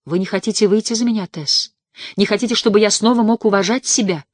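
Alec, a reader doing a pleading young gentleman. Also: mid-range voice, fast, no echo, clean studio sound, pitched above the performer's own voice, natural voice. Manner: earnest, pleading. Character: guilt-ridden young gentleman suitor, earnest. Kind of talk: audiobook reading.

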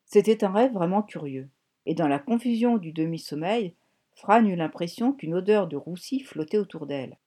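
Mellow woman narrating a novel. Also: lowish voice, lively intonation, normal speed, husky. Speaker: audiobook narrator. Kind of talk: scripted narration.

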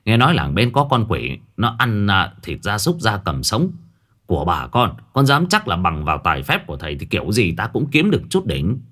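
A man voicing a cheeky young hustler who talks in fast, showy patter. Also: on the low side, wildly swooping pitch, a bit bright, exaggerated voice. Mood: wheedling. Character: boastful young male hustler, cheeky sidekick.

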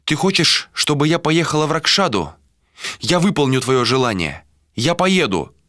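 A man putting on a young woman's voice for an audiobook, high and soft and pleading. The delivery swings up and down a lot, and the sound is crisp and dry. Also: sing-song, normal speed, dry recording. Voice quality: raised, softened voice.

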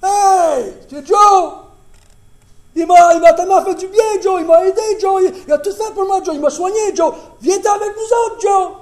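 A preacher voicing a poor beggar man in heaven, shouting excitedly. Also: extremely high pitch, moderate pace, voice pushed up. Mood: jubilant.

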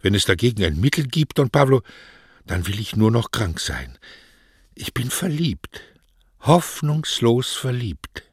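A man voicing a lovesick young postman who talks in an excited, breathless rush in a radio reading. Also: on the low side, moderate pace, breathy edge, dry recording, clean studio sound, exaggerated voice.

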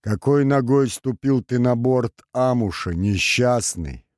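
Man voicing a gruff superstitious giant shaman, booming bass, threatening, audiobook, dry close sound. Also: slow, darkish tone, dry recording, close to an everyday voice. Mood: solemn. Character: huge gruff male ship shaman, superstitious.

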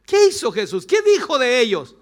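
A middle-aged man with a Chilean accent, preaching a sermon as pastor, passionate and rising to shouts. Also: extremely high pitch, wildly swooping pitch, moderate pace.

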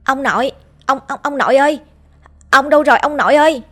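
A woman voicing a frightened young male grandson who whines and pleads in high, shrill cries. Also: expressive, brisk, soft background music, close to an everyday voice. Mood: terrified.

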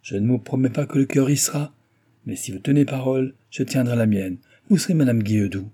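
A man voicing an earnest young valet who pleads and insists in a storybook reading, with a raised, husky voice. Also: mid-range voice, a little fast, dark tone, pitched above the performer's own voice, close to an everyday voice. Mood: resigned.

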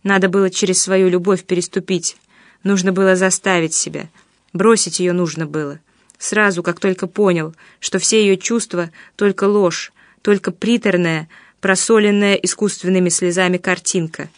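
A woman's voice: on the low side, fairly even intonation, normal speed, no room sound, clean studio sound, natural voice. A woman reading a bitter, possessive young man. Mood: bitter regret.

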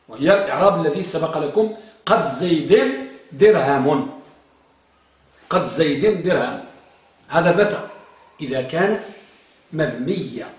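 A man's voice: sits high, far from the mic. A man teaching Arabic grammar to a class, often firing questions at the students and chanting rules in verse. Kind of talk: classroom lesson. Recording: very echoey room.

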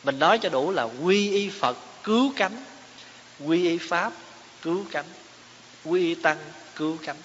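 A man's voice: fairly high pitch, unhurried, a bit bright. Man giving a dharma talk. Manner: explains terms, poses rhetorical questions to listeners. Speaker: Buddhist teacher. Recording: echoey hall, dull lo-fi sound, faint hiss.

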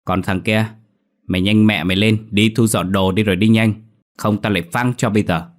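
A man's voice: fairly low pitch, steady tone, normal speed, lightly acted. A man voicing a cold-blooded, brutal henchman who barks impatient orders. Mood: contemptuous. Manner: barking, contemptuous.

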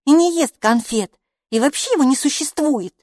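A woman voicing a skeptical, stern girl who talks briskly and matter-of-factly in an audiobook. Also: high-pitched, animated, a little mellow, no echo, clean studio sound, voice pushed up. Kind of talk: audiobook character voice.

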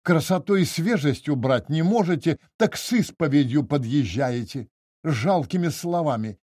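A man's voice: on the high side, animated, normal speed, a little mellow, dry recording, clean studio sound, pitched above the performer's own voice. A man reading the part of an aggrieved middle-aged notary, speaking formally and with agitation. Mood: agitated, indignant. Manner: formal, stiffly polite, agitated. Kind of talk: audiobook character reading.

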